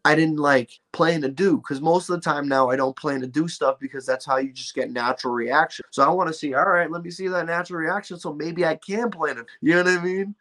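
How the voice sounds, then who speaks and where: A man's voice: on the high side, fairly quick, few pauses, fairly bright tone. Rambling young man in casual chat. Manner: rambling, full of "like" and "you know what I mean". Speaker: professional wrestler guest.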